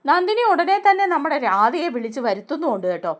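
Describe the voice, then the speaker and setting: A woman hosts a chatty recap of a TV serial episode, telling the story with animation and sprinkling in conversational tag questions. Her voice sits high and she talks fast.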